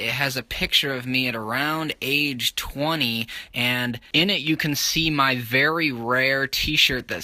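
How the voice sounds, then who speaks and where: Young dude from michigan rambling casually in his vlog, super bright voice, middle pitch. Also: dry recording, poor audio. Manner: offhand, rambling commentary. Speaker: vlogger. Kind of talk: casual video diary.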